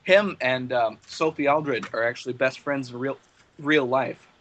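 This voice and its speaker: A man co-hosts a fan podcast in loose, casual chat. He rambles through his points with fillers and restarts, and he has the hiccups. His voice sits at an ordinary middle pitch. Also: a little slow, fairly bright tone. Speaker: podcast co-host leading the discussion.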